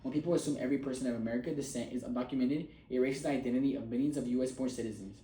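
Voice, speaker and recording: Giving a prepared persuasive speech, this male student sounds earnest and emphatic, racing along with fairly even intonation. His average-pitched voice is dark and mellow, the room is large and reverberant, and a little hiss or hum sits in the recording.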